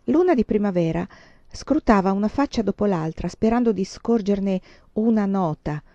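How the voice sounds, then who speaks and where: A woman reading a novel aloud in a calm, measured storytelling manner. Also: medium pitch, no room sound, muffled recording. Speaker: audiobook reader.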